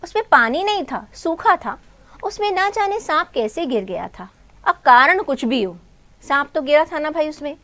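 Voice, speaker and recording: A woman's voice: high-pitched, very animated, normal speed, pushed and bright. A woman teacher who retells a textbook story for students, asking questions and answering them herself. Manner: calls students "beta" and "bhai". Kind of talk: explaining a textbook story in Hindi.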